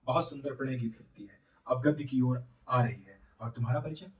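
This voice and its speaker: A man's voice: medium pitch, brisk, distant mic, close to an everyday voice. A man voicing a chatty young woman musician from the city in a read-aloud play, recorded in a roomy space away from the mic.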